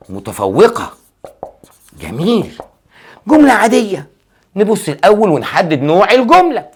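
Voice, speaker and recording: Egyptian male teacher with lively intonation. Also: high voice. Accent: Egyptian Arabic. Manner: quizzes aloud and answers his own questions. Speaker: Arabic grammar teacher. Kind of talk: classroom grammar lesson.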